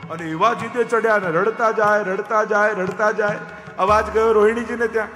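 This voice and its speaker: Bright-voiced man telling a devotional story. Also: high-pitched, normal speed. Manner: animated, acts out each character. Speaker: katha narrator and preacher. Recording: echoey hall with faint music.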